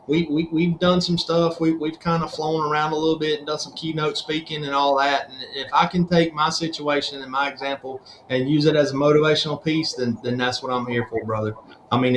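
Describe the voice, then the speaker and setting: A talkative man with a fairly high voice tells rambling stories and keeps calling everyone brother. He is heard from an echoey room over a call. A faint hiss sits under his voice. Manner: rambling storyteller, calls people brother. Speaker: guest drag racer. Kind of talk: casual chat.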